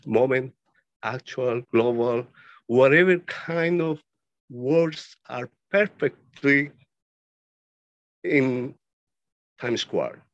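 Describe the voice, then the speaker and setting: In his art studio, an Ecuadorian man whose first language is Spanish chats casually about his own paintings, speaking slowly with frequent stops and long strings of listed words. His voice is medium in pitch. The recording is close and dry with no room echo, and it sounds slightly dull and lo-fi.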